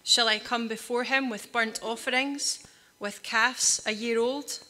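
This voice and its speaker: A Scottish woman reading Bible passages aloud to a church congregation in a measured, careful way. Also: on the high side, fairly even intonation, pushed and bright. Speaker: congregation member reading scripture.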